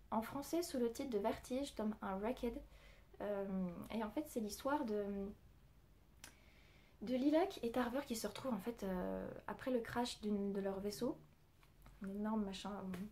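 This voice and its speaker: A woman's voice: medium pitch, a little mellow. A woman reviewing her month's books in a casual, chatty way, full of fillers and restarts. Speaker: book vlogger.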